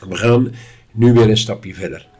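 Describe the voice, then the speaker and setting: A man giving a calm, instructive spoken lesson at a measured pace. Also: fairly low pitch, breathy edge, faint music behind. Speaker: course teacher.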